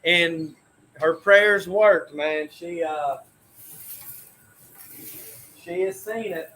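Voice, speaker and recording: Bright, high-voiced man telling stories. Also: very slow, rough recording. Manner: rambling, animated storyteller with many restarts. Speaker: coffee roaster host. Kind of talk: casual storytelling chat.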